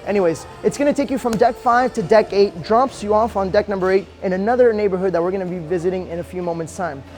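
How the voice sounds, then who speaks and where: A man's voice: high-pitched, a little mellow. A man presenting a chatty promotional ship tour as an upbeat, joking cruise director with playful emphasis.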